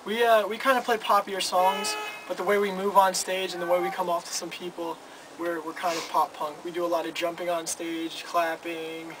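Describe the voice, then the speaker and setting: A man's voice: sits high, little pitch movement, normal speed. Rambling young man, noisy distant mic. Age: 20s. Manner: rambling, stammering restarts. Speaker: band front man. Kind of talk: casual interview chat.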